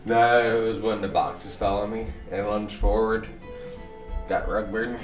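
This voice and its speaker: A man and father bantering playfully with his child during a stream, teasing in an unhurried way. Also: fairly low pitch, flat delivery, distant mic. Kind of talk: casual family banter on a stream. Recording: roomy sound, off-mic, game music behind.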